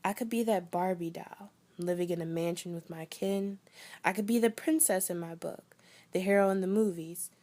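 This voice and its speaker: A young woman telling a performed personal story with wry humor, swinging between loud bursts and near whispers. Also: on the low side, moderate pace.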